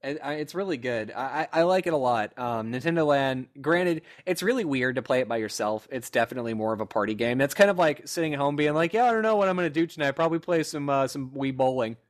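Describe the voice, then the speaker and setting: A young man co-hosts a casual gaming podcast, rambling and joking with his friends and often restarting or interrupting his own sentences. He talks fast with hardly any pauses, in an expressive, medium-pitched voice.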